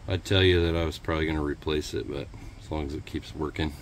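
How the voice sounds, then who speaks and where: Speaking fast in a bass voice, a homesteader gives a relaxed walkaround of his old truck, both outdoors and in the cab, on a handheld phone camera. He thinks aloud offhandedly with dry humor, and a little hiss or hum is audible.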